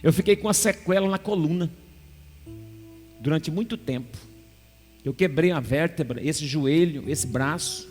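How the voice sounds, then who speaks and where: High-voiced pastor preaching in a hall. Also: male voice, a little slow, long pauses. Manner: animated storytelling, acting out dialogue. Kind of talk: sermon with personal testimony. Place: large church sanctuary. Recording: music under a long church reverb.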